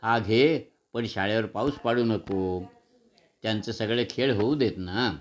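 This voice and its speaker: A quiet, sad schoolgirl in a storybook, softly pleading with a boy, as a man reading the story puts her on. The voice is low and gentle. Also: unhurried, natural voice.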